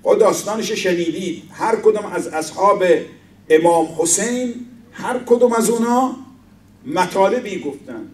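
A man's voice: high voice, lively intonation. A man giving a religious sermon, telling a story and quoting its figures with rising emphasis. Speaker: speaker at an Islamic center. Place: mosque hall. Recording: echoey hall, voice from far off.

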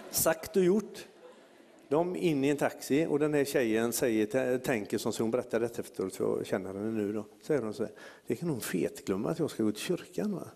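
A man's voice: medium pitch, gravelly, long reverb tail. A man preaching, telling a story in a sermon and acting out the people in it. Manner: lively anecdotal preaching with acted-out quotes.

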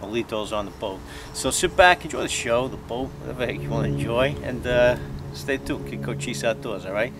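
A man's voice: medium pitch, fairly quick, noisy background. A middle-aged man hosting a fishing vlog, chatty and joking, often tagging his lines with "all right?". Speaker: fishing show host. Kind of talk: casual vlog narration. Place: outdoors on a boat at sea.

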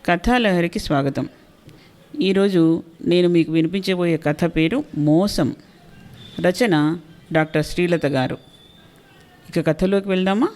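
A woman's voice: lowish voice, a little slow, pauses often, darkish tone. A woman reads a short story aloud as the host of her storytelling channel. She narrates in a scripted way and adds wry remarks between the characters' lines.

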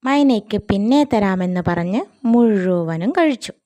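Slow, mellow woman telling a children's story. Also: mid-range voice, lively intonation. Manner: slow, deliberate, sing-song.

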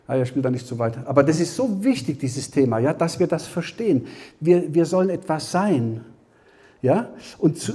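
A man giving a Bible teaching as a sermon, talking conversationally to the congregation, often checking with a quick "ja?" and restarting his phrases. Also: a little high, dark tone. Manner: conversational preaching, frequent tag "ja?", restarts. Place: church hall.

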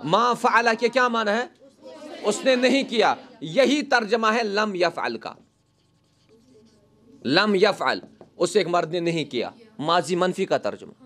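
A man with a fairly high voice teaches a grammar class. He puts questions to his students and answers them himself. He spells out the Arabic examples slowly before he translates them. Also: big pitch swings, a bit bright, some chatter behind. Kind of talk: grammar lesson.

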